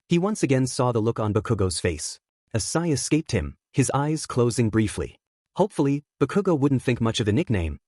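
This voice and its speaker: A man's voice: medium pitch, darkish tone, no room sound, clean studio sound. A man reading a scripted story aloud as a narrator. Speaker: fan fiction narrator.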